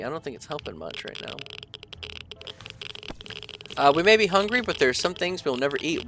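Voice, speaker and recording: Congested from allergies, a young man who makes gaming videos talks through his let's-play in a casual way, with a voice on the high side. He reads the on-screen game text aloud and thinks out loud, filling his speech with plenty of fillers.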